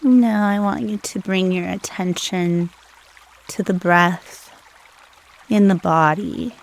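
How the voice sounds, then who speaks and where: A woman with a lowish voice and steady tone leads a guided meditation, soothing and unhurried, with long pauses between her short phrases.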